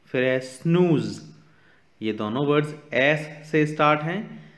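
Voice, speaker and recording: A male teacher going through a children's English textbook exercise, reading the English lines slowly and then explaining them quickly in Hindi. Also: a little high, animated, a bit bright. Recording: dull, echoey room recording.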